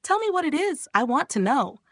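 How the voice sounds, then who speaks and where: A woman's voice: medium pitch, very animated, normal speed, a bit bright, no room sound, studio quality. A woman voicing a smug, crude young woman who teases and mocks in a recap of a manga. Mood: teasing. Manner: mocking, crude.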